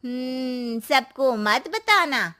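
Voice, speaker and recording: A woman voicing a superstitious older neighbourhood auntie who gives slow, hushed warnings in a cartoon. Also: high-pitched, animated, pitched above the performer's own voice, full character voice. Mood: cautioning.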